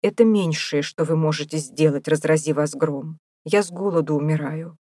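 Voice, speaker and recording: A woman's voice: low voice, normal speed, warm tone, dry recording, studio quality. A woman voicing a desperate, starving male prisoner who pleads and rages in an audiobook. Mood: pleading, indignant. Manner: pleading, wailing, indignant.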